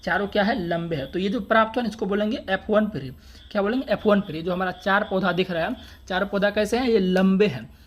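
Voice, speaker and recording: A man's voice: high voice, fast talker, dull audio. A man teaching an exam-prep science lesson, who keeps asking questions and answering them himself and repeats key terms, with dialect words in his Hindi. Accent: Hindi dialect words (बड़का, छोटका).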